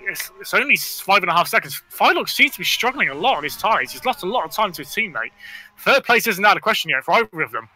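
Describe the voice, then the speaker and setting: A man's voice: sits high, pushed and bright, low-quality recording. A man giving analytical live race commentary as a co-commentator, thinking aloud and qualifying his points. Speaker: motor racing co-commentator.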